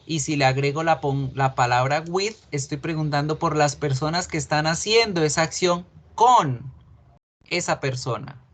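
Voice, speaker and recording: A man's voice: fairly high pitch, normal speed, a bit bright. A man teaching English in an online class, explaining patiently step by step and checking that students follow.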